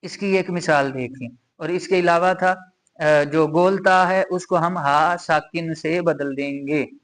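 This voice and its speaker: A man with a Pakistani Urdu accent gives a recitation lesson. His voice sits a little high, and he talks very slowly. He repeats the rules step by step and draws out the Arabic examples. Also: a bit bright. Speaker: Quran recitation teacher. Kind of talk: slow explanatory lesson.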